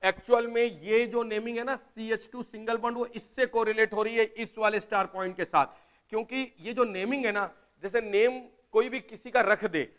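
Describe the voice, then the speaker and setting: A man teaching chemistry in a live online class, explaining step by step and urging students to answer quickly in the chat. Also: sits high, fairly bright tone, clean tone. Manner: explains step by step, often asks "right?".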